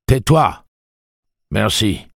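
A man voicing a very old, excitable man with a thick rustic accent who scolds and shouts. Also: on the low side, very slow, creaky, slightly rough, no echo, clean studio sound, voice pushed up, heavily acted. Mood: scolding. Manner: loud, shouting, trembling with excitement.

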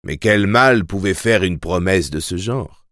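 A man reading a novel aloud in measured, steady scripted narration. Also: deep voice, no room sound, studio quality. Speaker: audiobook narrator.

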